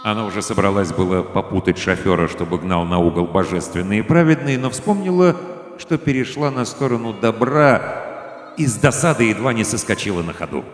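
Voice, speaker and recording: A man reading a story aloud for radio with lively, expressive narration. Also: lowish voice, brisk. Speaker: reader. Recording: echoey studio with faint music.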